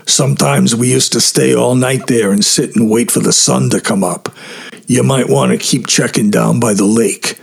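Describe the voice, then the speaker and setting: A blunt young camper with a gravelly, husky voice, who talks in relaxed slang, as a narrator puts him on. His voice sits a little lower than plain talk. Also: moderate pace. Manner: blunt, laid-back slang. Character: young man, blunt teen camper, gruff.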